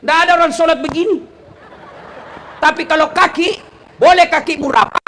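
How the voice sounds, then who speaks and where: A man delivering a humorous sermon with an Indonesian accent, telling stories and shouting punchlines to a live audience. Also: extremely high pitch, normal speed, a little hiss or hum. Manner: animated storytelling, shouting punchlines. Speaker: preacher.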